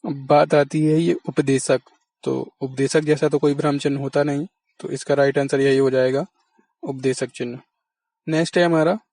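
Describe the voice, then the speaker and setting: A man's voice: fairly high pitch, vocal fry, darkish tone, no room sound. A man teaching an exam-prep lesson, patiently explaining and answering his own questions.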